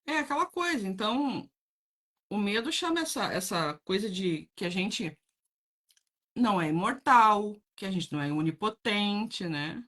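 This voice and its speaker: A woman chats casually with her viewers in a blunt, direct way and laughs easily. Her voice is bright and sharp, and her pitch swings widely as she talks. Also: animated, unhurried. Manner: blunt, frank, laughs often, addresses viewers as gente. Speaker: host reading viewer comments. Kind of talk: casual live chat.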